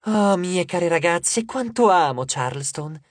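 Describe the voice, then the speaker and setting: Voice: mid-range voice, lively intonation, unhurried, no room sound. An audiobook narrator voicing a vain, glamorous goddess of love who talks in a gushing, condescending and theatrical way. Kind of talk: audiobook character voice.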